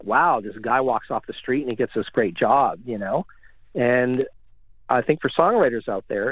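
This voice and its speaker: Guest, rambling storyteller, tinny dry phone line. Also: male voice, mid-range voice, no echo. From Canada. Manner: rambling, many fillers. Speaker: guest, recording engineer. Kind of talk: casual storytelling.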